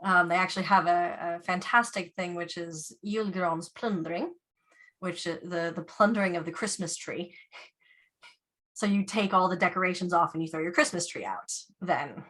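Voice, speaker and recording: A fairly low-voiced woman chats easily over a video call, laughing often as she talks. She sounds relaxed and conversational, like a yarn dyer explaining her craft to friends. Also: normal speed. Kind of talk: casual video call chat.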